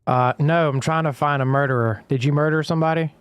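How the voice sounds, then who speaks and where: Excitable, swearing gaming streamer man. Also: a little high, fast, clear, resonant tone. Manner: excitable, profane, talks to his chat. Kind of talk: casual gaming commentary.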